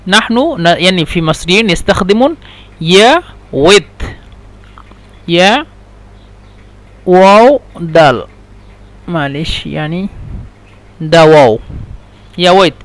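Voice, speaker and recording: High-voiced man drilling language phrases. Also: fairly bright tone. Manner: patient and repetitive, slow careful drilling. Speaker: Arabic teacher. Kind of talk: language lesson, repeating phrases slowly and spelling out letters.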